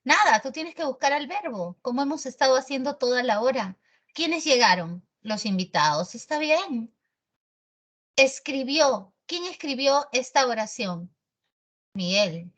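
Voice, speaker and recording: A woman teaching an online grammar class in a lively, teasing, slangy way. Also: high-pitched, a little slow.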